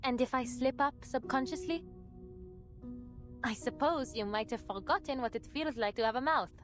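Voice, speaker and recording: A woman's voice: fairly high pitch, moderate pace, over music, natural voice. An actress playing a stubborn, defiant young woman in a game, curt and sardonic in her delivery. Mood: defiant irritation.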